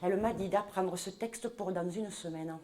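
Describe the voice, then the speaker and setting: A woman's voice: medium pitch, normal speed, mellow, natural voice. A woman playing a chattering southern French mother. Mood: confiding. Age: middle-aged. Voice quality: talkative, rambling, indignant asides. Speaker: comic stage character. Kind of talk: live comedy sketch. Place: large echoey hall. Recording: roomy live hall sound.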